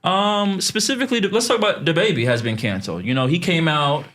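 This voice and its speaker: A man's voice: fairly high pitch, lively intonation, a little fast, a bit bright. A man hosting a podcast in a studio, chatting casually and teasing his co-hosts, with frequent fillers. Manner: laid-back, teasing, trails off with fillers. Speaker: podcast host. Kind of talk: casual chat.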